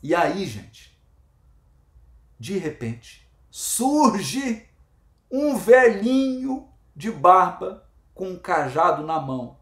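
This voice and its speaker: A man's voice: high-pitched, sing-song, very slow, a bit bright, echoey room. A man leading a spiritist book study, emphatic and repetitive, asking his listeners questions. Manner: emphatic, repeats himself, asks the audience questions.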